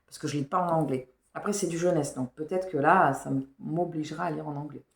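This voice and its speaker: Woman, book vlogger, casual rambling chat, slightly unclear diction, lowish voice, echoey room. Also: steady tone, brisk, gravelly, slight background noise. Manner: chatty and rambling.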